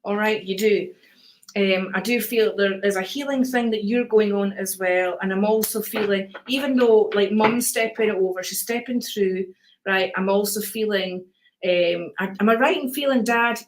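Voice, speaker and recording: An older Scottish woman with a mid-range voice hosts a live card-reading stream over poor audio, chatting comfortably with her viewers. Her manner is calm and soothing, sprinkled with darlings and sweethearts.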